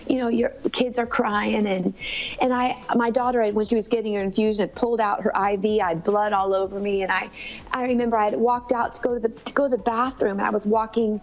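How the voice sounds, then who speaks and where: A woman's voice: mid-range voice, level tone, brisk. A woman telling a personal story of faith in an earnest, conversational way. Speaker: mother telling her daughter's illness story. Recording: slightly dull, lo-fi sound.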